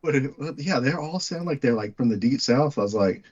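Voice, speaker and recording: A man with a West Texas twang talks at a quick clip in casual film discussion. He is opinionated and emphatic, circling back to restate his points. The recording is slightly dull and lo-fi. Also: mid-range voice, expressive, a little mellow, husky. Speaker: movie podcast co-host.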